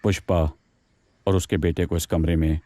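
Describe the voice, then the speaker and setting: A man voicing a kind village man in a cartoon, who explains things calmly. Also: low voice, normal speed, natural voice. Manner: calm, explaining.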